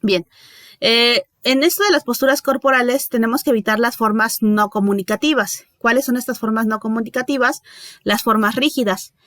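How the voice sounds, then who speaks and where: This is a woman teaching a recorded class. Her voice sits fairly high, and the sound is dry and close, with no room around it. She explains in a loose, conversational way, with fillers, restarts and tag questions aimed at her students. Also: normal speed, a bit bright, no room sound. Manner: conversational, many fillers and self-corrections; checks in with listeners with tag questions. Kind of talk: recorded online lecture.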